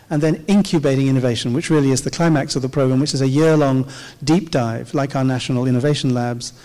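This middle-aged keynote speaker has a medium-pitched, warm, mellow voice and explains his points in a measured way, pausing now and then with an "uh." He holds a handheld microphone on the stage of a large, dark auditorium, and the hall is reverberant.

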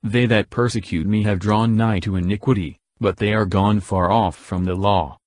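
Low-voiced man reading scripture solemnly. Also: steady tone, moderate pace, darkish tone, no echo. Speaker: scripture reader. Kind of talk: reading the Psalms aloud.

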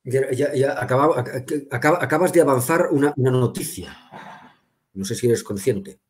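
A man's voice: mid-range voice, moderate pace. A man hosting a casual talk as a bookseller, telling anecdotes in a chatty way with frequent stammers and repeated words. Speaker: bookseller and host. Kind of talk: casual conversation.

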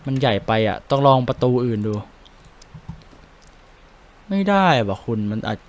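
Explaining tactics with casual swearing, this young game streamer with a Thai accent keeps up chatty, excitable commentary. He has a mid-range voice and a measured pace.

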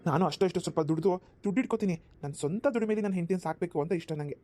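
A man playing a calm young son in a cartoon who speaks gently with his mother. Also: sits high, rapid-fire, lightly acted.

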